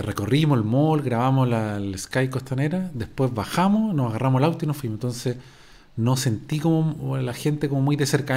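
A middle-aged Chilean man with a warm, mid-range voice and a Chilean accent hosts a podcast. He chats casually while answering listener questions, rambling, using slang, and often restarting his sentences.

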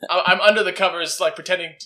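A man's voice: high-pitched, steady tone, brisk, bright, forceful tone. A man playing a tabletop role-playing game, giggly and rambling as he describes his moves. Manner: giggly, rambling, self-interrupting. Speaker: player. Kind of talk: casual tabletop play.

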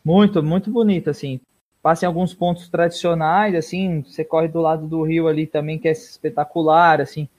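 High-voiced man telling a story. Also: a little fast. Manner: animated storyteller, swears casually, trails off softly. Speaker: guest runner. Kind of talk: casual storytelling interview.

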